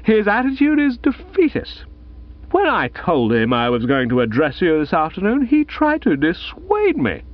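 A man putting on a tipsy young gent, high swooping voice, rambling speech, dull lo-fi recording. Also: huge pitch swings, moderate pace. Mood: rambling oration. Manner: loud, swooping, rambling oratory.

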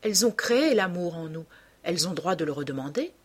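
A woman's voice: lowish voice, lively intonation, fairly quick, husky. A woman reading the part of a passionate, earnest young man in an audiobook, with an ardent, sincere manner.

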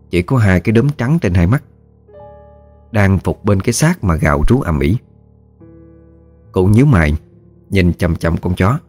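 A man narrating a ghost story in a steady, measured way. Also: deep voice.

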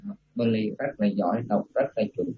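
A man's voice: lowish voice, brisk, lo-fi sound, noisy background. A man, a monk, patiently teaching Pali pronunciation in an online class and repeating the key sounds.

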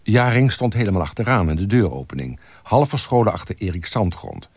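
A man reading aloud from a novel in an expressive, lively way. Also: lowish voice, a little fast, no room sound.

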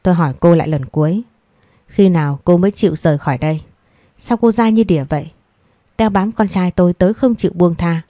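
A woman's voice: lowish voice, fairly quick, dark tone, dry recording, clean studio sound, lightly acted. A woman reading as a scornful, bossy old mother. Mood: scornful scolding. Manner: scolding, contemptuous. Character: sharp-tongued older mother, scornful, domineering.

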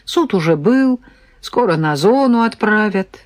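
A woman voicing a weary middle-aged woman who brings parcels to a prisoner, talking quietly and sighing. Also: mid-range voice, lively intonation, a little slow, dry recording, natural voice.

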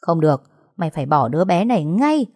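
A woman's voice: fairly low pitch, sing-song, fast, no room sound, studio quality. A woman voicing a harsh, furious old grandmother who scolds her family. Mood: scolding. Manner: scolding, sharp-tongued.

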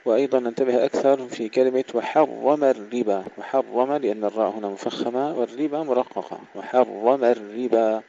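A man teaching Quran recitation, explaining pronunciation briskly and precisely and sounding out each example. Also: mid-range voice, gravelly, mellow, lo-fi sound.

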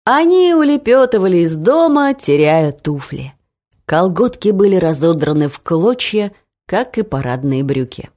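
A woman narrating a humorous family story for an audiobook, expressive and lively. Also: lowish voice, measured pace.

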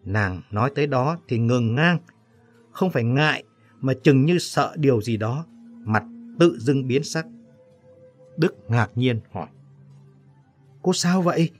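A man reading a story aloud in a steady storytelling manner. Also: mid-range voice, measured pace, long pauses. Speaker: narrator. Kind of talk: audiobook story narration. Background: faint background music.

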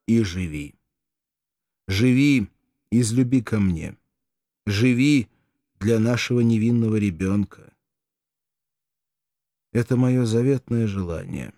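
A man's voice: on the low side, a little mellow, no echo, studio quality. Doomed gladiator's farewell letter, mournful and declaiming, a man reading it.

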